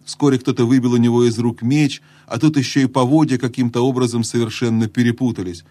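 A man reading a children's fantasy audiobook aloud in a measured storytelling voice that drops low and hushed in tense moments. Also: fairly even intonation, no echo. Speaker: audiobook narrator. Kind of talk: scripted storybook narration.

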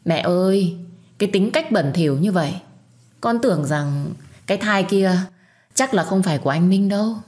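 A whining, spiteful young sister-in-law who wails and accuses at the top of her voice, as a woman storyteller puts her on. Shrill and pushy, she pours fuel on every quarrel. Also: expressive, moderate pace, natural voice. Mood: accusing. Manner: whiny, accusing, loudly crying.

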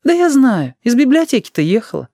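A bustling, affectionate mother with a raised, lively voice, as a man reading the story puts her on. She chatters quickly from one errand to the next, in a dry close recording. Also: extremely high pitch, dry recording, voice pushed up, heavily acted. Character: tired caring middle-aged mother, brisk.

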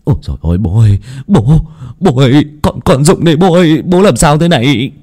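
A man's voice: fairly high pitch, big pitch swings, a little fast, a little mellow, slightly rough, pitched above the performer's own voice. A man voicing a panicked, tearful grown son who stammers.

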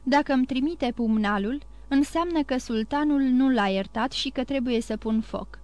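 A woman voicing a proud, brave young male guard who speaks calmly and resolutely in an audiobook reading. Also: high-pitched, dry recording, lightly acted. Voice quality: sweet yet proud voice. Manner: resolute, calm under threat.

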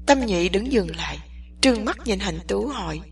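A woman's voice: medium pitch, expressive, moderate pace, gravelly, slightly rough, far from the mic. A woman narrating a romance novel as an audiobook, telling the story expressively.

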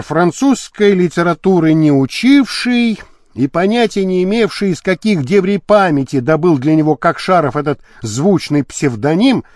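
Male audiobook narrator, expressive and dramatic, high voice, dry close mic. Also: no echo. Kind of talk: scripted narration.

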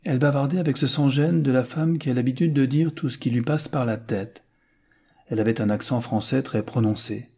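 A man reading a classic novel aloud as an audiobook narrator, measured and even. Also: medium pitch, slightly rough. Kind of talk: scripted narration.

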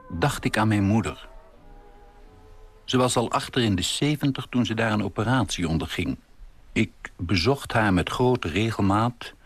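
A man's voice: lowish voice, husky, dry recording. A middle-aged man reading his own literary column aloud, telling it in a dry, understated way.

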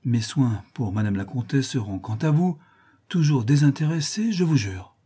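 A man's voice: mid-range voice, animated, dark tone, slightly rough. A man voicing a witty young man disguised as a noble young lady, speaking with cool irony. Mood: ironic. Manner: cool, ironic, measured.

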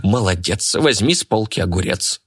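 A man's voice: lively intonation, moderate pace, fairly bright tone, husky. A man voicing a brash green-skinned alien female thief who gloats and mocks. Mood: gloating mockery. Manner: shrill, gloating.

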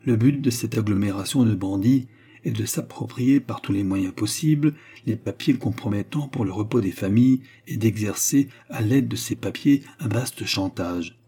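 A man narrates a classic novel in a steady, measured reading. His voice sits low and sounds dark and a little husky throughout. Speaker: audiobook narrator. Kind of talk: scripted audiobook narration.

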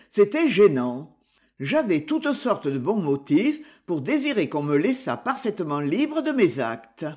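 A self-assured young gentleman detective lays out his deductions step by step, voiced by an audiobook reader. His delivery is measured, with a lively, rising and falling pitch, and the voice sits mid-range. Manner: measured, explanatory storytelling. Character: confident gentleman detective, young adult man. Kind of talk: audiobook character reading.

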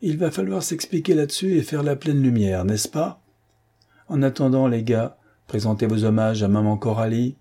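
A man's voice: medium pitch, moderate pace, dark tone, lightly acted. A man voicing a jovial army captain who gives orders to his wounded soldiers, by turns commanding and affectionate. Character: hearty male army captain, convalescent officer.

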